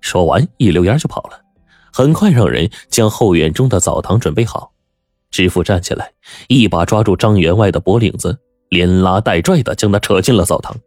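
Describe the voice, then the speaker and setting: Deep-voiced dramatic male storyteller. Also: moderate pace, no echo, clean studio sound, soft background music. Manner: expressive, swinging pitch for drama.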